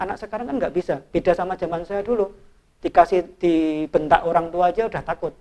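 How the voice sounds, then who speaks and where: A middle-aged man, an evangelist, retelling a Bible parable in an informal, animated way as he draws lessons from it. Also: high voice, fast talker. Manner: animated storyteller, informal, restarts and fillers. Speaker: evangelist and ministry leader. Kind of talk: sermon-style Bible storytelling in a discussion.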